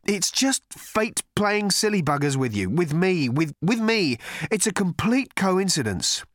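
A man's voice: very animated, a bit bright, dry recording, clean studio sound, exaggerated voice. A man doing a stammering, flustered young man. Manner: stammering, hurried, high and fretful. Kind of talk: audiobook character reading.

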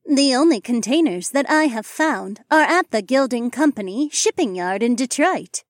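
A man's voice: very high-pitched, expressive, normal speed, dry recording, studio quality, pitched above the performer's own voice. A man voicing a female AI assistant who speaks in a stiff, advertising-like tone. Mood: informative. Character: female AI assistant, formal promotional tone.

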